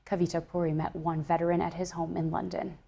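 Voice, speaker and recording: Woman, lowish pitch, scripted news presenting. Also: little pitch movement, quick pace, gravelly, warm tone, husky.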